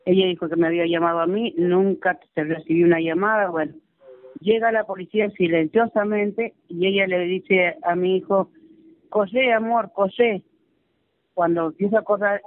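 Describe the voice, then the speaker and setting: A woman's voice: mid-range voice, no echo. A middle-aged woman calling in, recounting events in an anguished, pleading way. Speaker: caller recounting her son's arrest. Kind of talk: phone-in testimony. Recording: tinny phone line on radio.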